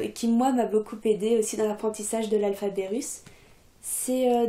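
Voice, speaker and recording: A young adult woman giving a casual video lesson, relaxed and chatty with many fillers. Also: fairly high pitch, reverberant. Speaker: Russian teacher, channel coordinator.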